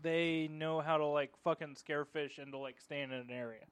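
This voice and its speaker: A man's voice: on the high side, fairly even intonation, moderate pace, a bit bright, smooth. A young man co-hosting a podcast, rambling casually with lots of fillers. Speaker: podcast co-host. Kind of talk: casual chat.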